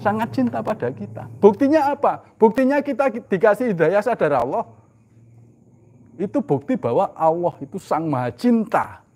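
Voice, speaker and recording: A man preaching a sermon. He asks rhetorical questions and answers them himself, swinging from loud, emphatic lines to soft, low asides. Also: lively intonation, moderate pace.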